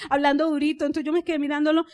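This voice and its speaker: High-voiced Colombian woman telling a story on stage. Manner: animated storytelling, asks the audience for agreement. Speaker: business seminar speaker. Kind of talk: motivational stage talk.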